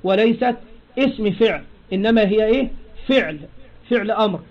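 Speaking briskly and with animation, a high-voiced man with an Egyptian Arabic accent teaches a grammar lesson. He explains step by step and keeps drawing answers out of his listeners with prompting questions. The audio is dull and lo-fi.

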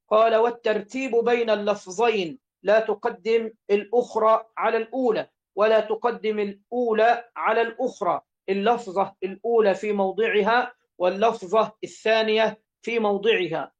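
A man's voice: high-pitched, muffled recording. A man with an Egyptian accent teaching religious law, reading each line of a classical text aloud, then repeating and explaining it.

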